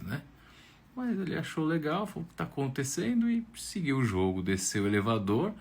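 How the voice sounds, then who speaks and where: A man with a Brazilian Portuguese accent, a camp storyteller telling a tale aloud in an animated way with tag questions. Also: lowish voice, breathy edge. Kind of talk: oral storytelling.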